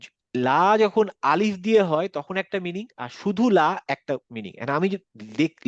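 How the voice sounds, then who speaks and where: A man with a Bangladeshi accent and a slightly high voice teaches Quran pronunciation in an online class lecture. He explains each step in turn, mixes in English words, and asks questions to check understanding. The recording is dry and lo-fi.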